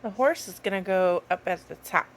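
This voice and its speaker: A woman's voice: medium pitch, normal speed, a little hiss or hum. A woman presenting to small children in simple words, as if reading to a toddler, with sing-song questions and playful delivery. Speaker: presenter of a children's educational video. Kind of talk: simple talk to toddlers about toys.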